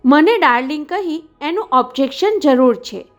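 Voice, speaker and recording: A woman voicing a wary young nurse who answers in cool, measured replies. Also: sits high, animated, lo-fi sound. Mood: guarded.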